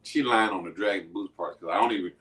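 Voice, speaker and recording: A man co-hosting a podcast, jumping into casual banter with quick, defensive interjections. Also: deep voice, a bit bright, distant mic. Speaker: podcast co-host.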